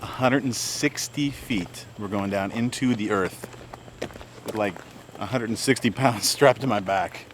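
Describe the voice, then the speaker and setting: A man's voice: lowish voice, unhurried, noisy background. A man hosting a haunted cave tour in a casual, joking, playful way. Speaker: host of a haunted cave investigation. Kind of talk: casual on-location ghost tour presenting.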